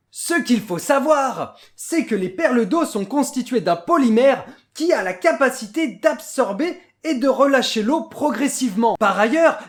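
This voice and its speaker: Cheerful chirpy robot host, voiced by a performer; high, bubbly, exclamatory delivery for a toy demo. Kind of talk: scripted toy demonstration.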